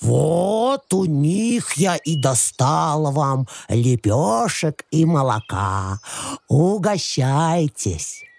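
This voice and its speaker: A man voicing a kind, motherly she-bear who speaks slowly and soothingly in a storybook tale. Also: a little high, big pitch swings, vocal fry, darkish tone, slight background noise, heavily acted. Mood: gentle, caring. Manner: slow, soothing, hospitable.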